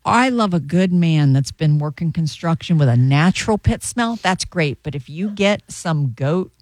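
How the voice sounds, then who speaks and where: A woman's voice: deep voice, animated, normal speed, a little mellow, no echo. A woman hosting radio in casual banter, joking and blunt. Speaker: radio show host.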